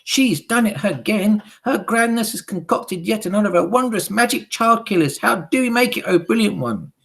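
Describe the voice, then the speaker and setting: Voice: medium pitch, animated, normal speed, creaky, pitched above the performer's own voice. A reader voicing a crowd of fawning female witches who chant back eagerly, in an audiobook.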